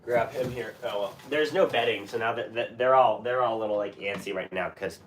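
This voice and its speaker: A fairly low-pitched male voice moves a little fast, with slight background noise behind it. He's a young livestream host from Washington State, West Coast accent, chatting loosely with viewers. Being sick, he coughs and clears his throat, rambling with fillers and restarts.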